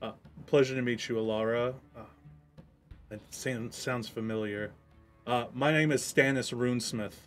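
A man's voice: medium pitch, steady tone, moderate pace, a bit bright, soft background music, close to an everyday voice. A man voicing a squat, armored dwarf man who is a hearty and welcoming traveler in a tabletop game. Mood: hospitable.

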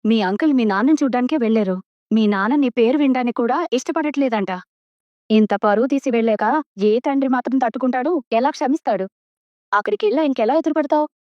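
An actress playing a cautious, worried aunt who gently reproaches a young woman in a TV serial. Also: fairly high pitch, fairly quick, no echo, natural voice. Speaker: aunt hosting the daughter. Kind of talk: TV serial acting. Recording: dull lo-fi dry sound.

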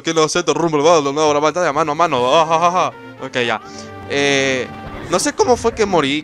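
Over game music, a young man delivers casual, rambling let's-play commentary, exclaiming and laughing at what happens in the game. His voice is a little high and a bit bright.

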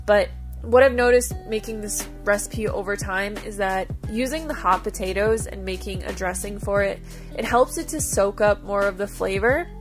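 Speaking at a normal speed in a mid-range voice, this vlogger narrates her cooking vlog in a casual, cheerful way. She explains every step while music plays behind her.

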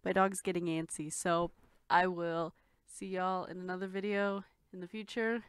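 A woman hosting a reaction video, talking casually and excitedly and swearing freely. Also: on the low side, moderate pace, clear, resonant tone, no room sound. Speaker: host.

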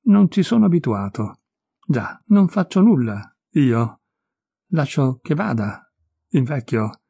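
A man voicing a listless, resigned idler of thirty-three who looks old, speaking in a flat, unhurried way. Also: mid-range voice, creaky, slightly rough, no room sound, studio quality, full character voice. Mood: weary.

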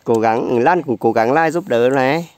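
A man's voice: medium pitch, normal speed, darkish tone. A man, chatting casually as an interviewer. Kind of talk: casual chat with short acknowledgements. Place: outdoors on a village road.

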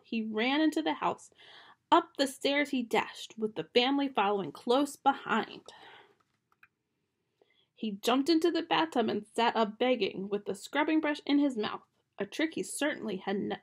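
In a small bedroom, a young woman reads a picture book for kids into a close webcam with gentle storytime warmth. Her high voice has lively intonation and moves a little slowly.

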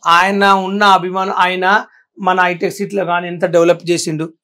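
A man's voice: sits high, level tone, normal speed, bright, forceful tone. A man with a Telangana Telugu accent, chatting in a casual interview and boasting with catchy rhymes he made up himself.

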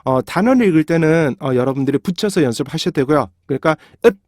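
A man's voice: fairly high pitch, animated, a little mellow, dry recording. Dry-voiced man drilling pronunciation. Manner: drills syllables slowly, repeats sounds, asks "그죠?" often. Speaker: English pronunciation teacher. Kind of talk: recorded video lesson.

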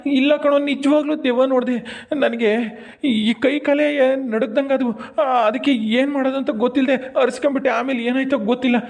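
A man's voice: very high-pitched, steady tone, moderate pace, gravelly. A man playing a cowardly rich village landlord, panicking and crying out in a rustic comedy skit. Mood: shaken, insistent. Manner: frightened, cries out to gods and stammers.

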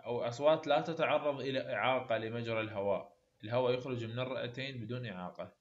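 A man with an Iraqi Arabic accent, a university English teacher explaining phonetics definitions in a lecture, reading the English terms slowly. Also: mid-range voice, highs cut off.

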